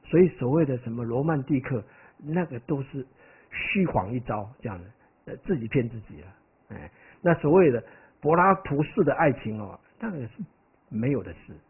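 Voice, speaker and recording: Male monk-lecturer, conversational and digressive, expressive voice, lo-fi phone-quality audio. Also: mid-range voice, moderate pace. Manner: conversational, keeps asking "right?"; animated, digressive storytelling. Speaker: Buddhist monk teaching. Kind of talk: dharma lecture. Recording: tinny, phone-like lo-fi recording.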